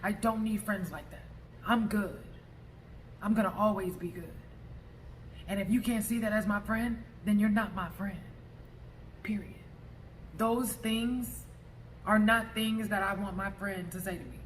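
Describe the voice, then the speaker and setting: An assertive vlogger speaks plainly and emphatically in a mid-pitched voice, as if addressing someone directly. The talk is casual and salted with profanity, over a faint layer of background noise. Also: low-quality recording. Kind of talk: personal vlog monologue addressed to a former friend.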